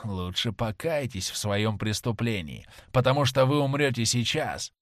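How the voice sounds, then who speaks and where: A grim, vengeful sailor, voiced by a male reader speaks slowly and heavily, each word a threat. His pitch swings widely between low growls and sharp rises. The audiobook sound is dry and close. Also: animated, no echo, close to an everyday voice. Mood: menacing. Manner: slow, heavy, menacing delivery. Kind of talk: audiobook character reading.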